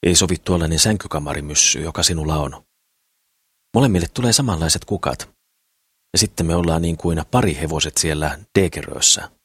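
A man's voice: a bass voice, fairly bright tone, slightly rough, no room sound, studio quality, exaggerated voice. A man reading the lines of a talkative, greedy woman of noble birth in an audiobook, bossy and chattering. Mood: chatty.

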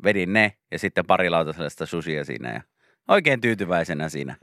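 A young man co-hosting a morning radio show, telling relaxed anecdotes in casual chat. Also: deep voice, no room sound, clean studio sound. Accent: Finnish. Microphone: studio microphone.

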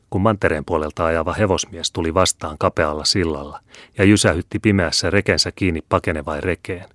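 A man reading an audiobook in a steady, measured narrating voice. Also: deep voice, no room sound, studio quality. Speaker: audiobook reader.

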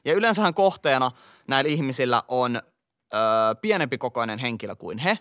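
A man's voice: mid-range voice, expressive, fairly bright tone, no room sound, clean studio sound. A man from Helsinki's eastern suburbs with a local slang accent, co-hosting a podcast and giving emphatic advice. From Finland. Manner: emphatic, lecturing tone. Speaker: podcast co-host. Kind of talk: casual chat, giving advice.

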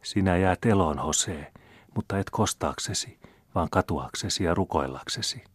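A man reading aloud the lines of a noblewoman disguised as a peasant, speaking earnestly, solemnly and gently. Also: deep voice, dry recording. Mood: grave. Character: noble woman disguised as a peasant, calm and grave.

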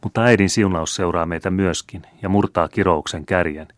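Brief: male narrator doing an earnest young officer, low voice, dry sound. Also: no echo, natural voice. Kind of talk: audiobook character reading.

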